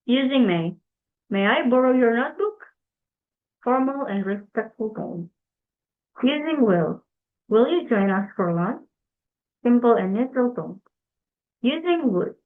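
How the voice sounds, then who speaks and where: Young woman reading, tinny. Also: a little high. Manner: careful, deliberate read-aloud delivery with self-corrections. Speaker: student presenter. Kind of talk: read-aloud class presentation. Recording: tinny phone-like recording.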